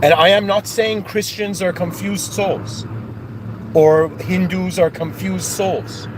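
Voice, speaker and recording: A man's voice: high-pitched, steady tone, takes it slowly, background noise. A man born in Iran and raised in Canada, giving an impassioned, searching spiritual monologue with many restarts and rising outbursts. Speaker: spiritual speaker.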